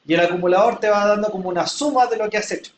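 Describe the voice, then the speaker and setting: A man with a high voice lectures a classroom very fast, patiently using everyday examples and often checking that students are following. He's captured from far off in an echoey room with a little hiss or hum.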